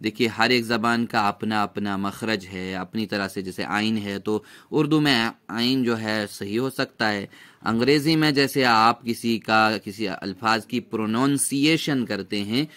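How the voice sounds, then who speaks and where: A man teaching a recitation lesson, drawing out sounds slowly for students to repeat after him. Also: lowish voice, a bit bright. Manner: patient, drawn-out demonstration of sounds.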